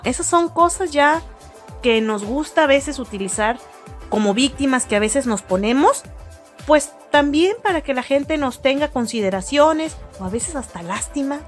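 A middle-aged woman giving relationship advice in casual talk, earnestly telling a family story and acting out what each person said. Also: a little high. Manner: earnest storytelling, acts out quoted dialogue. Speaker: advice host.

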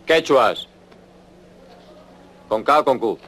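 A man's voice: medium pitch, animated, takes it slowly, a bit bright. An actor playing a man puzzling over a crossword in a film scene, matter-of-fact and questioning. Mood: puzzled. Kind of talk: scripted film dialogue.

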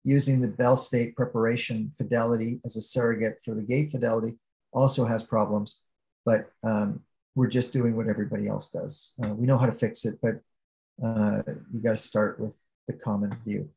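A man's voice: lowish voice, little pitch movement, normal speed, creaky, dark tone, rough recording. A man giving an academic keynote lecture over a video call, explaining step by step with frequent fillers and restarts. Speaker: keynote speaker.

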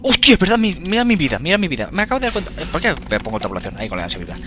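A young man with a Spain Spanish accent giving let's play commentary, excitable, swearing and yelling at enemies as he plays. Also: on the high side, rapid-fire, music in the background. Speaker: gamer.

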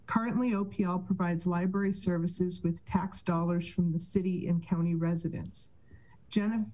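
Lower, mellow woman on a video call. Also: rough recording. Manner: measured, formal delivery. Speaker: public testifier. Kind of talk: reading a prepared statement. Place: home room with bookshelves.

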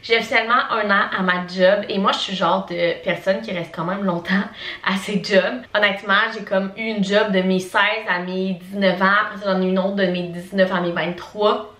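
A woman in her twenties with a Québécois French accent, vlogging in a relaxed everyday voice. She rambles along casually, stringing thoughts together with lots of fillers. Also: mid-range voice, moderate pace. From Quebec, Canada. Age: 20s. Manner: chatty and rambling, heavy on fillers. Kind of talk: casual chat to camera.

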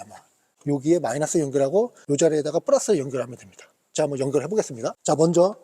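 A man's voice: a little high, dark tone, husky. A middle-aged man hosting a casual car demonstration, chatty and exclaiming, grumbling at carmakers as he shows the gear. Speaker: car channel host. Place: outdoors in a parking lot beside cars.

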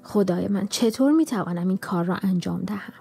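A woman voicing a timid, polite young girl in a storybook, speaking gently. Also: medium pitch, gravelly, breathy edge, soft background music.

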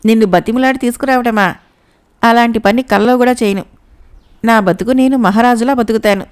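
A quick-tempered young shopkeeper husband from a spoken storybook, as a woman narrator voices him. He speaks in curt, grumbling bursts. The voice stays smooth and fairly high. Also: natural voice. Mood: angry.

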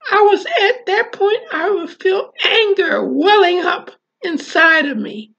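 A woman author reads her childhood memoir aloud and then closes with a presentation. She talks slowly and deliberately in a very high voice, spelling out details letter by letter. The recording is dull and lo-fi. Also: expressive, fairly bright tone. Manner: slow, deliberate, spells words out. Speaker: author and speaker.

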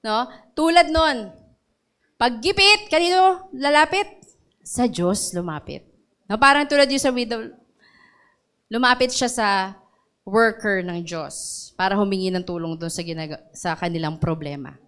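A woman's voice: lowish voice, normal speed, a bit bright, smooth. A woman pastor with a Filipino accent preaching a sermon, calling out to the congregation and getting emotional over scripture. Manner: mixes English into sermon, asks congregation for responses; emotional when reciting scripture.

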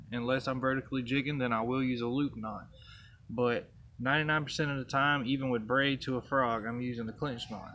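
A man's voice: medium pitch, pushed and bright, a little hiss or hum. A young man, casually demonstrating a fishing knot outdoors, counting the steps aloud. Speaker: fishing channel host. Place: outdoors by trees and a truck. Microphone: camera close up, held near face.

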